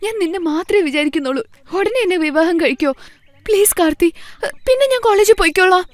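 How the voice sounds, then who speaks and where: A woman as a clingy young student, dubbed film dialogue, high voice, fast, reproachful. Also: expressive, dry recording. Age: young adult. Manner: reproachful, pleading. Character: young female student, jealous and clingy lover. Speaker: dub actor.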